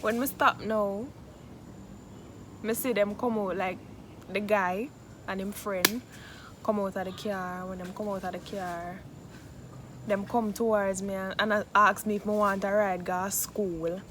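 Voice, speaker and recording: A woman's voice: medium pitch, a little slow, pauses often. A woman with a Jamaican accent telling a casual, gossipy story in Patois, like phone gossip, acting out what was said. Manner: animated retelling with acted-out quotes in Patois. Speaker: storytelling vlogger. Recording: noisy background.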